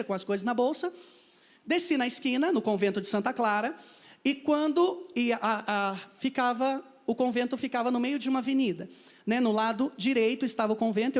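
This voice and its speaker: A man with a Brazilian accent giving a personal testimony in a parish church, telling his story vividly and acting out the dialogue. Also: very high-pitched.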